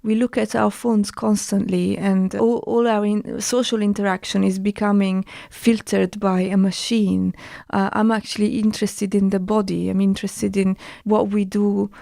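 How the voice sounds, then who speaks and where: A woman from Italy with an Italian accent, a guest artist talking thoughtfully with many pauses and restarts. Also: medium pitch, little pitch movement, creaky, warm tone, no echo, clean studio sound. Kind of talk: casual discussion.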